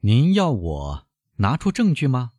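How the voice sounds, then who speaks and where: A man's voice: mid-range voice, huge pitch swings, unhurried, mellow, breathy edge, dry recording, studio quality, pitched above the performer's own voice, exaggerated voice. A man voicing a defiant young male prisoner on trial, bitter and mocking as he speaks to the court.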